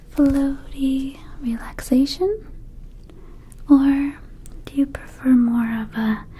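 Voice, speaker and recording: In an ASMR roleplay, a woman performer with a high voice plays a friendly, scatterbrained young vampire shop clerk. She whispers softly and breathily, rambling in a casual, hesitant way.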